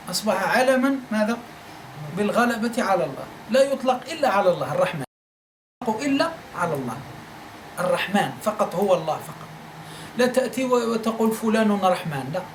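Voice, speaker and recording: A male teacher from Algeria giving a classroom lecture, repeating his points and asking listeners whether they follow. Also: high-pitched. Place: study circle room. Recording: echoey room, faint noise.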